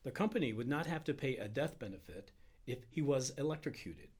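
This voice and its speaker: A man reading a story aloud with a dramatic, expressive delivery. His voice is husky and a little rough, and it rises and falls in pitch a lot. He lets the tension build as the tale goes on. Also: a little fast. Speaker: reader. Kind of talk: scripted narration.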